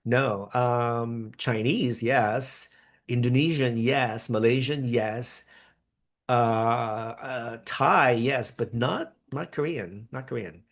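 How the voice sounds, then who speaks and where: Taking it slowly in a mid-range voice, a man born in the Philippines who grew up in America chats on a live stream, reacting to a pageant and reading viewer comments. He's rambling and talkative, with occasional upbeat bursts.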